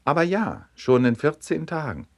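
A man voicing a talkative, boastful young lady with bright, eager questions. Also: on the high side, sing-song, normal speed, gravelly, pitched above the performer's own voice, full character voice.

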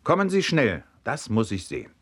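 A man voicing an excitable, greedy male circus director who shouts eagerly in a raised voice. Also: moderate pace, breathy edge, full character voice. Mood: excited. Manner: shouting eagerly, high and loud.

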